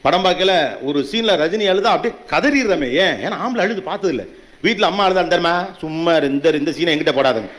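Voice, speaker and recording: A man's voice: high voice, animated, fast talker, a bit bright. A man giving a motivational speech to an audience, emphatic and full of rhetorical questions and punchy repetitions. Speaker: motivational speaker.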